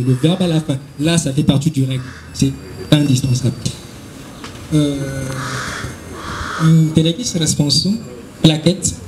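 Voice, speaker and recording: A man's voice: fairly high pitch, warm tone, rough recording. A man with a Congolese French accent answering questions at a school event, explaining at length and switching between Latin and French with frequent hesitations.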